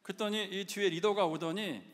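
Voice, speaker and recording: A man's voice: high voice, fairly quick. A man giving a sermon, telling his own story and putting questions to the listeners. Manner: lively, asks the audience questions, acts out his own past shouting. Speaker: preacher. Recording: long reverb of a large hall.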